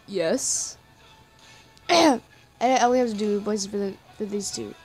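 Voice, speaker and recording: A woman giving casual reaction commentary while dubbing a comic, giggly and quick to run herself down. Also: mid-range voice, darkish tone, husky, faint music behind. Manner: giggly, self-deprecating asides. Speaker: comic dub reader.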